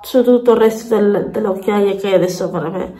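A woman's voice: medium pitch, normal speed, warm tone. A woman with a pinched, blocked-nose voice from a head cold, chatting casually and repeating herself in a makeup vlog. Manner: rambling, repeats words and phrases. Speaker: beauty vlogger. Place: bathroom at home.

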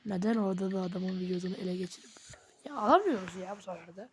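A woman giving casual let's-play commentary, excitable, talking straight to her viewers and slipping into whispered asides. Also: medium pitch, fast talker, a little hiss or hum. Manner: excitable, often addresses viewers as "friends", drops into whispered asides. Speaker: gaming channel host.

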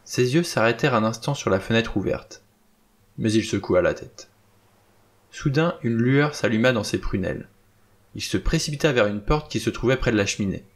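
Guy reading an audiobook chapter, steady plain narration, mid pitch. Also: normal speed. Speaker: audiobook reader. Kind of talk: reading a novel aloud.

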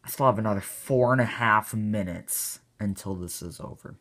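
A man doing reaction commentary on his own old gaming video, excitable and mocking himself. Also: lowish voice, normal speed, noisy background. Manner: mocking, self-deprecating, excitable.

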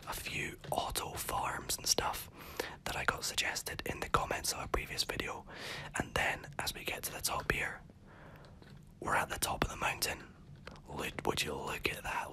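A breathy, whispered gameplay commentary from a host who is losing their voice. The whisper has a gravelly, crackly edge and a bright, crisp bite, and it swoops widely in pitch. The talk stays casual and chatty, with frequent little self-corrections. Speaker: gaming video host.

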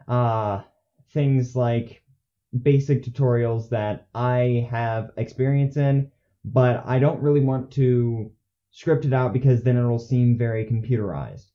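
A man's voice: medium pitch, takes it slowly. A young man hosting his own channel, talking off the cuff in a rambling way with many fillers and restarts. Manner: rambling, self-correcting, filler-heavy; says he gets monotone when scripted. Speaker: channel host. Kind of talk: unscripted casual vlog. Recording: dull lo-fi audio.

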